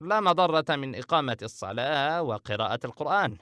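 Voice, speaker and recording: A man's voice: medium pitch, animated, a little fast, no echo, studio quality, pitched above the performer's own voice. Man playing a stern, insistent brother. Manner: sharp, insistent. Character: stern, pious middle brother. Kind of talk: audiobook character reading.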